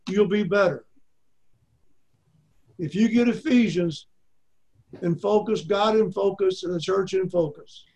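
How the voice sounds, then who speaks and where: High-voiced older man with an Arkansas accent. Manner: folksy, repeats points for emphasis. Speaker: Bible teacher. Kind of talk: teaching an online Bible class.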